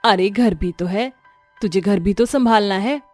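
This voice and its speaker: A woman voicing a sharp-tongued middle-aged mother-in-law who scolds and mocks in an animated storybook. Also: mid-range voice, faint music behind, natural voice. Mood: scolding. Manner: scolding, quick to anger.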